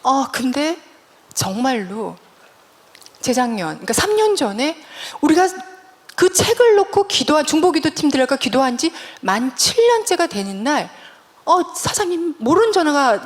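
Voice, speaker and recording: A middle-aged woman giving a testimony sermon as a guest speaker, telling her story animatedly and acting out dialogue. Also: high voice. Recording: church hall reverb.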